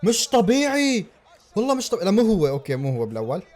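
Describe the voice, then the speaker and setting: Male football reactor, pitched high, loud repeated exclamations. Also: very fast. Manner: excitable, exclaiming and repeating himself. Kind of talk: live match reaction.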